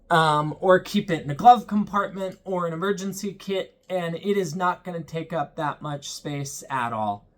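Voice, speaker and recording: On his channel, a young man talks through a weather radio in an easygoing, earnest, no-frills review with lots of ums. His voice sits high and has a slightly bright quality.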